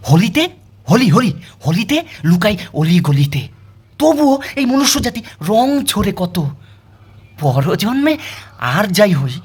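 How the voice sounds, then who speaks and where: A sarcastic, aggrieved male street dog, as a man puts him on, grumbling in a through a comic monologue. The voice is husky, with a lively pitch that swoops up and down. Every complaint lands as a pointed rhetorical question. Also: full character voice. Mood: mournful lament. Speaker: comedian.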